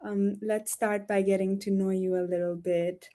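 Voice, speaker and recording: A young adult woman, a student, asking interview questions gently, often opening with "um" and answering with short "yeah"s. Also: mid-range voice, little pitch movement, normal speed.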